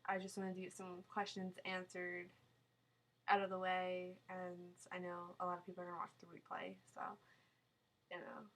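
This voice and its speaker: Speaking at normal speed in a completely flat, slightly bright, lowish voice, a young woman answers live-stream viewer questions from her small-town home. She's nasal from a sinus cold, rambles and laughs often, and the recording is rough.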